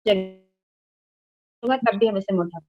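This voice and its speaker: A woman's voice: medium pitch, unhurried, muffled recording. A woman teaching children Quran recitation in an online class, patiently spelling out each sound and asking them questions. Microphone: online class, own mic.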